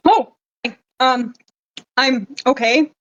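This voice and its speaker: A woman playing an earnest, gentle nature-loving young adventurer in a tabletop game, hesitant and sincere, on a slightly dull microphone. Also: high voice, drawn-out words, exaggerated voice. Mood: shy, friendly.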